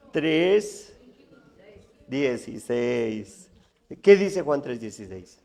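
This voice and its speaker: A man giving a math lecture to students, asking the room questions and counting numbers out slowly. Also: high voice, a little mellow. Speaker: math teacher giving a conference talk.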